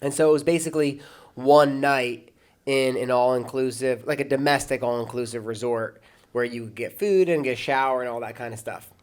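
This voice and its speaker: A man's voice: mid-range voice, moderate pace. A man, an American pastor and podcast host, telling long anecdotes in casual chat, with many restarts and bursts of laughter.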